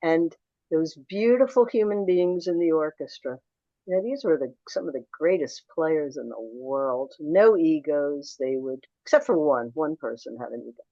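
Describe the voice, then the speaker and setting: In storytelling interview answers, an older suburban Philadelphia woman reminisces thoughtfully, with restarts and quoted conversations. She has a deep, dark-toned voice with lively intonation at normal speed, and the audio is dull but echo-free.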